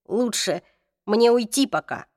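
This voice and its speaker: A hoarse young man pleads to be let go, as a woman reader voices him. The sound is close and dry, with no echo. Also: fairly high pitch, animated, measured pace, a little mellow. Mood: pleading.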